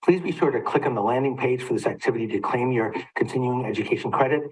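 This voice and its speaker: A man hosting an expert roundtable, talking fast and friendly as he steers questions to his guests. His pitch sits in the middle. He keeps the conversation moving. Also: a little hiss or hum, poor audio. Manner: brisk, friendly, steering the talk. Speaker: moderator of a medical roundtable. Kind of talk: panel discussion.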